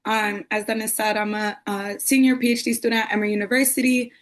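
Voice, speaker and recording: A woman's voice: mid-range voice, flat delivery, fast. A young woman from New York City, a PhD student, introducing herself casually on a video call, chatty with lots of fillers and getting over a cold. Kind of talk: casual webinar self-introduction.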